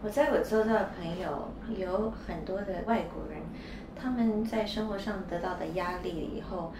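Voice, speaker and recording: A woman's voice: mid-range voice, moderate pace. Woman interviewer, polite and deferential, far from the mic, noisy echoey room. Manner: deferential, often affirming with short replies.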